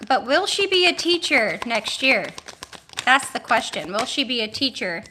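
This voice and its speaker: A woman in her forties chatting casually on a livestream as a tarot reader, thinking aloud and talking warmly to her viewers. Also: fairly high pitch, very animated, slight background noise. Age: 40s. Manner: chatty and musing, thinks aloud with restarts and drawn-out exclamations; addresses viewers warmly, with homely blessings.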